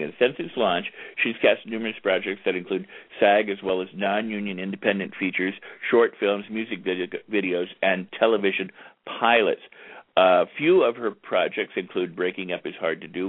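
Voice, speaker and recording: Hosting an internet radio interview show, a man chats easily while promoting the show and introducing his guest. His low voice comes through a tinny, phone-like line that is dry, with no room sound.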